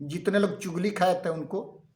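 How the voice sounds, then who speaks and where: A man's voice: high-pitched, normal speed, a little mellow. A man preaching a Christmas sermon, fervent and reading scripture verses aloud.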